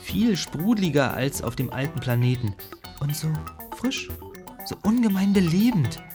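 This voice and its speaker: A man's voice: on the high side, moderate pace, music in the background. Man narrating a sci-fi audiobook. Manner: vivid, expressive storytelling.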